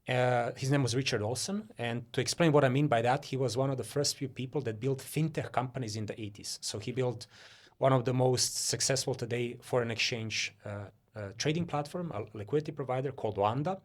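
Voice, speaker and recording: A man's voice: mid-range voice, a little fast. A Croatian-born man with a mid-range voice talks as a guest in an interview. His speech is chatty and loose, full of fillers and restarts. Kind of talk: casual interview talk.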